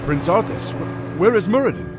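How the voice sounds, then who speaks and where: An actor playing a loyal, anxious army captain in a video game, urgent and alarmed. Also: male voice, high voice, very animated, moderate pace, over music. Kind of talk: video game cutscene acting.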